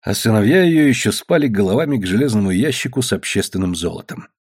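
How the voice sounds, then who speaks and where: A man narrating an audiobook with measured storytelling. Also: lowish voice, lively intonation, slightly rough. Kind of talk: audiobook reading.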